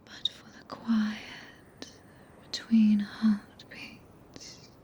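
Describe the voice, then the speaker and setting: A woman with a British accent voicing a tender, possessive, regal witch mistress in a breathy, archaic whisper for an ASMR roleplay, close to a binaural microphone. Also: mid-range voice, completely flat delivery, extremely slow, dark tone, highs cut off, full character voice. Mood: solemn, tender.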